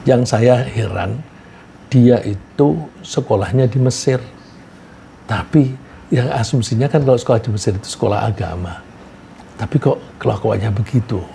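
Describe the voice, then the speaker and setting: A man giving a religious lecture, reciting Arabic verses and explaining them in a relaxed, conversational way with anecdotes. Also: medium pitch, normal speed, vocal fry, long pauses, slight background noise. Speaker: Islamic preacher.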